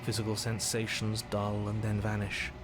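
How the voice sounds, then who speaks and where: An actor playing a solemn, ominous narrator in a dark fantasy video game, speaking in a measured, scripted way straight to the listener. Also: male voice, lowish voice, completely flat delivery, noisy background, lightly acted. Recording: loud music underneath. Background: game music.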